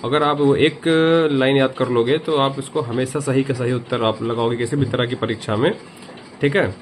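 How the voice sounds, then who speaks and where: A man's voice: mid-range voice, steady tone, normal speed, a little hiss or hum. A man teaching a grammar lesson, repeating each point and asking the viewer questions. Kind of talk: grammar lesson explaining a memory trick.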